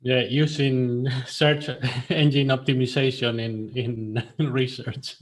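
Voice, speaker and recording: A man's voice: mid-range voice, flat delivery, takes it slowly. Laughing, modest male guest. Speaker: guest, conservation biologist. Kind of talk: casual interview chat.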